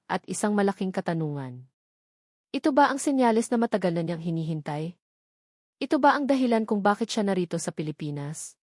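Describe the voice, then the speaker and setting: Speaking in a mid-range, somewhat dark voice with a Filipino accent, a woman narrates a scripted romantic drama. The recording is dry and of studio quality.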